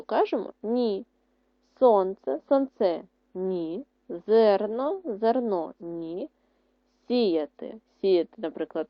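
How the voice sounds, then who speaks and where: A woman teaches a primary school class, her pitch rising and falling a lot as she spells out words slowly and stresses each syllable clearly. The recording is dry and dull, with a lo-fi sound. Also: dry recording. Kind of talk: online lesson explanation.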